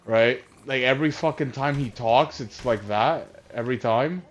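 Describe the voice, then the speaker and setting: A man talking casually over voice chat, rambling through an exasperated rant full of restarts and swearing. His pitch sits in an ordinary middle range. The audio is dull and lo-fi, like cheap console chat. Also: normal speed. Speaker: streamer. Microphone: voice chat headset.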